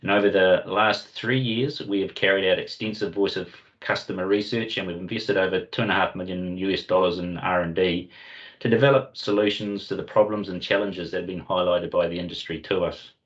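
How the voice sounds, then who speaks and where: Low-voiced man with a Kiwi accent. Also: fairly even intonation, a little fast. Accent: New Zealand. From New Zealand. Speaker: webinar host and company commercial lead. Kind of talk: semi-scripted corporate presentation introduction. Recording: dull, lo-fi online meeting audio.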